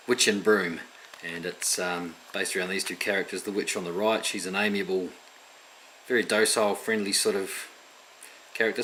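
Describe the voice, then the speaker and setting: A man, an illustrator, chatting in a relaxed way about his own artwork with frequent ums, recorded as a close voice-over. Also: low voice, a little hiss or hum, poor audio. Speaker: picture book illustrator.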